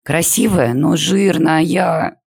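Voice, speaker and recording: A tearful schoolgirl in full hysterics, as a male narrator puts her on, her voice pushed high and loud. She wails and sobs through every complaint in a storybook reading. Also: slow pace, vocal fry, husky, dry recording, full character voice. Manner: sobbing, shrill wailing.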